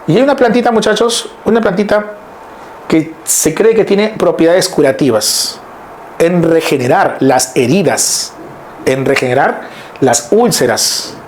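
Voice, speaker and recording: A man's voice: fairly high pitch, measured pace, a little hiss or hum. A middle-aged man teaching a class on word roots, explaining step by step and often checking whether his students follow. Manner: lively, explains step by step, keeps checking in with listeners.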